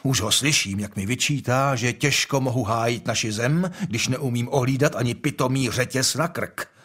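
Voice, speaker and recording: A man's voice: mid-range voice, a bit bright, slightly rough. A man voicing a young, imperious and impatient king in an audiobook, speaking in a commanding, brusque way.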